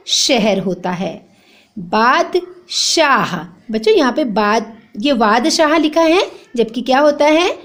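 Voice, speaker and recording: A young woman teaching a children's grammar class, her voice pitched high and her pace very unhurried. She names the wrong spelling, then the right one, and breaks words into letters one at a time while asking the class to answer. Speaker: primary school teacher. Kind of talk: Hindi grammar lesson for children.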